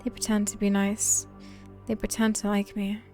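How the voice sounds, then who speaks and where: A woman streamer narrating a dark story game aloud in quiet, tense first person, dropping to whispers at times. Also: medium pitch, monotone, moderate pace, faint music behind. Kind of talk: dramatic reading of a story game.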